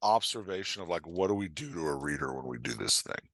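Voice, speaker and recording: As a coach appearing on a podcast, a man discusses his craft in blunt, conversational terms, animated and emphatic, frequently voicing how imagined readers would react and scattering "like" and "right?" throughout. His voice sits low and gravelly at a quick pace. The studio-quality recording has no room sound.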